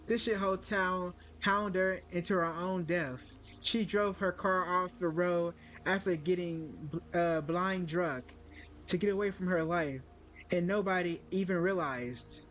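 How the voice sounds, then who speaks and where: A man reading aloud the lines of an angry, grieving young woman in a story game, fast and plain. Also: sits high, fairly even intonation, fairly bright tone, soft background music. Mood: upset. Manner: reads her dialogue aloud fast and plainly.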